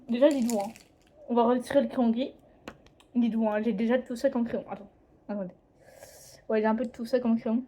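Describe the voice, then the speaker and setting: A teenage girl talks casually at home, setting up a drawing video. Her voice sits a little high but sounds mellow and soft-edged. She rambles, hesitates and keeps correcting herself mid-sentence. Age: teens. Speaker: drawing vlogger. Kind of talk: casual chat. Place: home, indoors.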